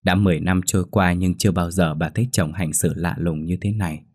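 A man narrating a scripted ghost story in a steady, measured way. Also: deep voice, no echo, studio quality. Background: faint background music.

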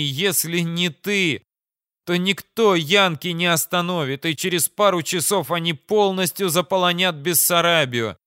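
A man's voice: fairly high pitch, sharp tone, clear, resonant tone, dry recording, studio quality. A man reading an audiobook, voicing a male fleet commander who barks orders and urgently pleads for help over a comms channel.

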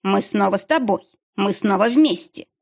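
A woman voicing a whiny, pleading middle-aged ex-husband with a drawn-out, whining delivery. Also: medium pitch, animated, vocal fry, a little mellow.

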